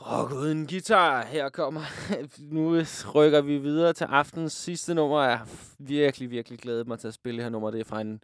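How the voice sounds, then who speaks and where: A male radio host chatting about rock records, enthusiastic and laughing, at times shouting. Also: medium pitch, steady tone, hardly any pauses, clear, resonant tone, no echo, clean studio sound. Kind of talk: excited radio show chat. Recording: music playing behind.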